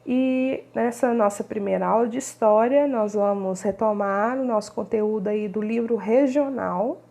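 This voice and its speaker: A woman's voice: medium pitch, unhurried, creaky, warm tone. A woman from São Paulo, teaching a recorded history lesson and explaining with rhetorical questions and frequent tag questions. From São Paulo, Brazil. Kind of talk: recorded remote class lesson.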